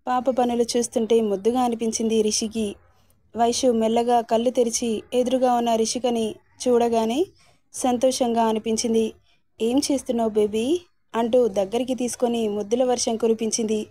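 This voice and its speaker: A woman narrates a romance story in a steady, even reading voice that stays fairly level. Her tone sits a little high yet soft and mellow, and the sound is close and dry. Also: moderate pace, dry recording. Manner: steady reading, voices every character herself.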